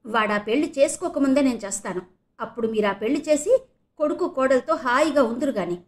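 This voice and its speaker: A woman voicing an outraged middle-aged mother in an audio novel reading, shrill and dramatic. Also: moderate pace, natural voice. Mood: furious. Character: furious middle-aged mother shouting at her husband.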